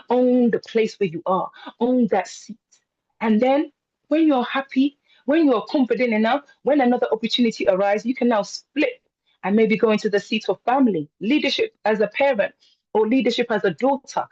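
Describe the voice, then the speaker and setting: A woman's voice: mid-range voice, darkish tone, no room sound, highs cut off. A young woman giving an emphatic motivational speech to a group of women, with repetition and rhetorical questions. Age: young adult. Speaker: motivational speaker.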